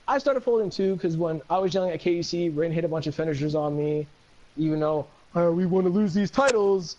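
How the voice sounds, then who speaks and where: Guest man, higher voice, swears a lot and rambles heatedly; dull lo-fi mic. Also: a little mellow. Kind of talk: casual chat.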